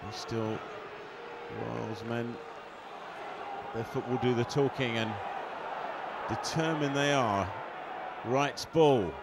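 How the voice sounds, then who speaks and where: A man giving live play-by-play football commentary in an excitable manner that can rise to shouts. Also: mid-range voice, takes it slowly, pauses often. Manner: excitable, rising to shouts at key moments. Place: outdoor football stadium. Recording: loud crowd noise over live commentary. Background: loud stadium crowd.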